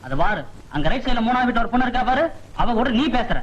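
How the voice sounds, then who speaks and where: A man's voice: very high voice, animated, quick pace, muffled recording, slight background noise. An actor playing a pushy young man who teases and eggs on his friend in a film comedy. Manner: pushy, teasing. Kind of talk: Tamil film comedy acting.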